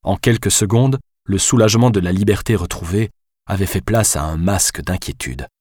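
A man reads a novel aloud in a steady, measured way. His voice sits low. The sound is dry and close, with no room around it. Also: no room sound. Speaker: audiobook narrator. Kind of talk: scripted narration.

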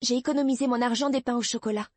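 A woman's voice: a little high, steady tone, racing, no room sound, pitched above the performer's own voice, close to an everyday voice. A woman voicing a frightened little girl in an audiobook, timid and stammering.

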